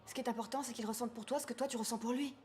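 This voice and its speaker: A woman's voice: on the high side, fairly even intonation, rapid-fire, darkish tone, slight background noise, close to an everyday voice. A woman playing a wry, teasing adult sister in a dubbed film.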